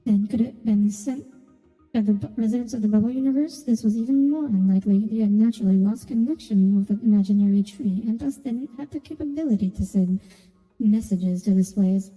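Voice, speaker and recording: Speaking a little fast in a warm, mid-range voice with a breathy edge, a woman streams a game and works through a story quest. She mixes casual chatter with reading the story text aloud. There's reverb in the recording and game music underneath.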